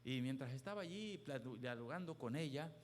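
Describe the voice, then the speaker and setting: Male pastor, sermon, emphatic storytelling delivery, mid-pitched voice, faint background noise. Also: animated, a little fast. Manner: emphatic storytelling preacher, swinging between hushed and loud.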